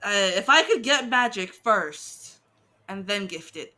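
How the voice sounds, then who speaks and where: A woman's voice: medium pitch, lively intonation, a little slow, bright, forceful tone. A woman in her thirties chatting with a friend in a joking, teasing way. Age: 30s. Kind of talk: casual chat among friends.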